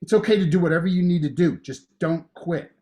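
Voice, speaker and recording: A man's voice: a little high, brisk, mellow, natural voice. A man reading the lines of a blunt, encouraging older female graduate student. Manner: firm, encouraging, matter-of-fact.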